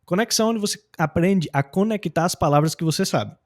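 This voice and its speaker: A young adult man from Brazil, an English teacher, explaining in a casual, slangy and animated way. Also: high voice, quick pace. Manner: animated and slangy, acting out example phrases.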